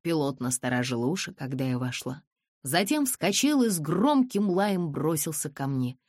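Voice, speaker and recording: A calm audiobook narrator telling a classic novel in the first person, with a measured, even delivery. The voice sits at a middle pitch. It is recorded dry and close, with no room sound. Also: no echo. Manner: calm, measured storytelling, softer in the heroine's replies.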